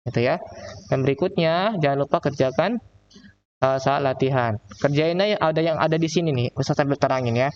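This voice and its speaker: A man teaching Arabic with a Jakarta accent, slowly drawing out the example phrases in a recorded online lesson. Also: a little high, a little mellow, lo-fi sound, a little hiss or hum. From Indonesia. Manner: slow, drawn-out reading of example phrases. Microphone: laptop mic.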